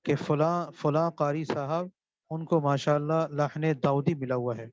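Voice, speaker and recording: A man's voice: on the high side, fairly even intonation, dry recording. A man teaching a seminary class, putting questions to his students and answering them himself while repeating key terms. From Pakistan. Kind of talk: classroom lecture on Quran recitation. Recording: dull dry lo-fi recording.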